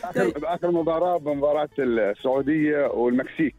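A man calling into a radio show, telling a story with halting restarts. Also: fairly high pitch, dark tone, muffled recording, faint music behind. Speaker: radio caller. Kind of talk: call-in chat.

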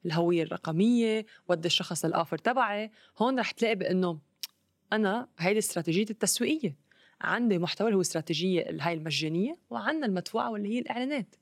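A woman's voice: medium pitch, no room sound. A woman with a Lebanese Arabic accent who mixes English words into her Arabic, explaining things in a casual, conversational way.

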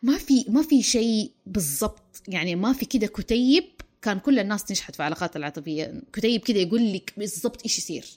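A woman's voice: medium pitch, quick pace. A woman, a relationship counselor talking through a podcast discussion and acting out the lines she quotes. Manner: animated, acts out quoted speech.

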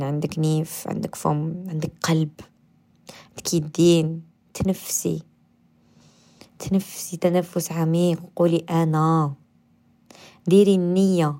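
A low, gravelly woman's voice with a mellow, dark tone and an Algerian Arabic accent. She hosts a guided meditation and self-affirmation talk on the radio. She coaxes gently, repeats affirmations and sinks at times into a soft whisper. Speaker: radio host.

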